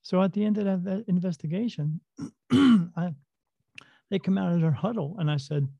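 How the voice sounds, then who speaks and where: A man's voice: high-pitched, normal speed, vocal fry, mellow, no room sound, highs cut off. A man telling his own story in a casual, rambling way, full of fillers and restarts. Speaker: storyteller recounting paranormal experiences. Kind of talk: casual first-person storytelling.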